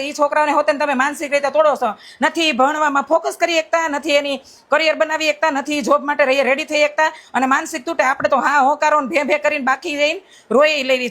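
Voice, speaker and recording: A middle-aged woman addresses her critics directly in a blunt, forceful monologue. Her voice sits high, and her words tumble out quickly. She often presses her point home by asking "right?". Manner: repeats rhetorical "right?" checks. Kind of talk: impassioned direct-to-camera monologue.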